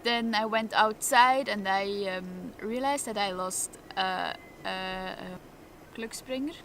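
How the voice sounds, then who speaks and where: A woman, a touring cyclist, speaking English, candid and a little halting. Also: medium pitch, fairly bright tone, a little hiss or hum. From Switzerland. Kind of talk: interview recollection.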